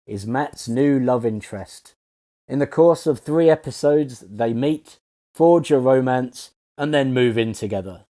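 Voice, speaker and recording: A man's voice: mid-range voice, mellow. A man reading a scripted review voice-over of a TV series, sarcastic and full of swearing. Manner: sarcastic, profane, ranting.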